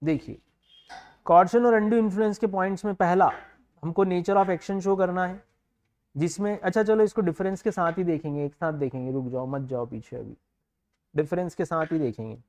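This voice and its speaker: A man with an Indian accent teaching a live online law revision class. He mixes Hindi and English, slowly dictates legal wording and answers student comments as they come in. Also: high-pitched, darkish tone. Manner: reads student comments aloud and answers them.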